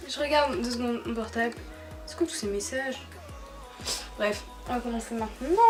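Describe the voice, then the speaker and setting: A young woman from France chatting casually on her bed in her bedroom, laughing often, with many fillers and restarts, filmed by a camera on a tripod. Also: sits high. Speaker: YouTuber. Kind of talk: casual vlog chat.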